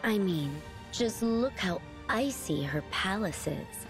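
Over music, a woman with an animated, medium-pitched voice performs a video game cutscene, speaking slowly. She plays a smug young villainess who taunts in a sarcastic, condescending drawl.

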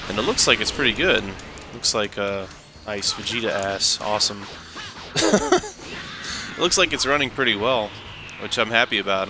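A young man streaming a game, chatting casually and correcting himself as he talks, while he has the hiccups. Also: lowish voice. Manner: rambling, self-correcting, chatty. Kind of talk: casual gameplay commentary. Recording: game music loud behind voice. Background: game music.

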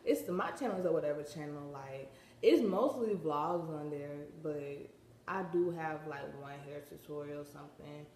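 A woman's voice: low voice, darkish tone, echoey room, a little hiss or hum. Chatty teenage girl with a retainer. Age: teens. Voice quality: slight lisp from a retainer. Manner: rambling, slangy, many filler words. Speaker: vlogger. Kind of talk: casual vlog chat.

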